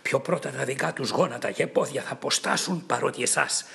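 A man voicing an angry king who shouts and scolds from his chariot in an epic poem reading. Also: medium pitch, creaky, voice pushed up.

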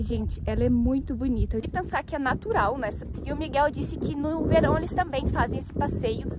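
Young woman travel vlogging on her phone outside, high chatty voice, lots of outdoor noise around. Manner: chatty, upbeat, addresses viewers directly. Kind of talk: casual travel vlog. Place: outdoors, city streets and snowy mountains. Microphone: phone at arm's length.

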